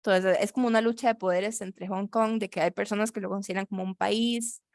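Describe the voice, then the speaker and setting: A woman's voice: mid-range voice, steady tone, a little fast, darkish tone, dry recording. Woman, english teacher, casual class explanation, dry close sound. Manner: chatty, self-correcting, laughs easily.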